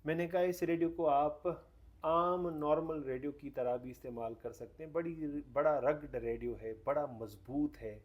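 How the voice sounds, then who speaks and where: A man with a medium-pitched, darkish voice hosts a casual, hands-on demonstration of a radio product, explaining it step by step.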